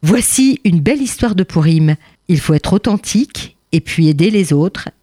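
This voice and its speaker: Woman storyteller, super lively voice, lots of oh-la-la drama, dry close sound. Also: on the low side, moderate pace, no echo. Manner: expressive, animated, exclamatory. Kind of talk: oral storytelling of a folk tale.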